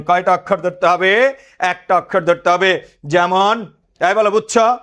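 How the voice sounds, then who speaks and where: High-voiced man drilling a lesson. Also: fairly bright tone. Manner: drills students with repeated questions; code-switches into English words. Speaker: teacher. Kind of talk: exam-prep lesson.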